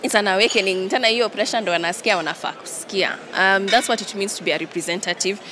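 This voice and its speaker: Speaking quickly at medium pitch, a young Kenyan-accented woman answers reporters holding microphones to her in a big indoor event hall. She moves between English and Swahili in this impromptu media interview, and the bustle of the hall comes through clearly.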